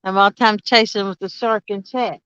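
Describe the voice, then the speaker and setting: A woman chats casually in a bright, clear voice. She softens her R's into W's, as someone who struggled with that sound growing up. The audio is a little dull and lo-fi. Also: medium pitch, fairly even intonation, normal speed, no room sound. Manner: trouble saying R's, says w for r. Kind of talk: casual chat on a fishing livestream.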